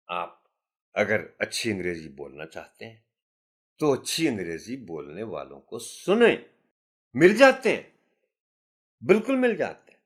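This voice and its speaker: A man from Pakistan giving a teacher-training lecture, asking rhetorical questions and answering them himself, and slowing sharply to stress key headings. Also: fairly low pitch. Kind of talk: classroom lecture.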